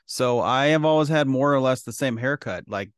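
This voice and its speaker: A man's voice: mid-range voice, normal speed, clean tone, no room sound. Joking middle-aged man, dry close sound. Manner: joking, self-deprecating, conversational. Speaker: podcast co-host. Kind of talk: casual chat.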